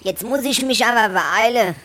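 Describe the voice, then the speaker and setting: A woman's voice: fairly high pitch, normal speed, sharp tone, a little hiss or hum. A woman doing a grumpy dwarf. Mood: gruff. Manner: blunt, stubborn haggling. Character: grumpy, greedy male dwarf coach driver.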